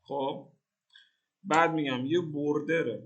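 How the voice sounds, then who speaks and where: A man's voice: fairly high pitch, steady tone, a bit bright, highs cut off. A young man from Iran giving a casual, joking coding tutorial over a screen recording and thinking aloud in slang. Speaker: programming tutor.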